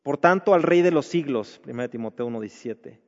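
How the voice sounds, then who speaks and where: A man's voice: mid-range voice, animated, brisk. Preacher man, reverberant hall. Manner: conversational preaching with rhetorical questions. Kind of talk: sermon to married men. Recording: dull reverberant hall recording.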